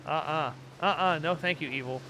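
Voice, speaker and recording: A man's voice: fairly high pitch, moderate pace, bright, forceful tone, a little hiss or hum. A man giving casual, rambling and joking playthrough commentary as he reacts to a video game. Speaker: gaming streamer.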